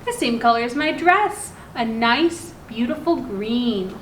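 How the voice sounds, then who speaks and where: A high-pitched, expressive woman reads aloud to young children as a library story time host, keeping things simple and instructive and pausing to ask the kids questions. The recording has a roomy echo and clear background noise.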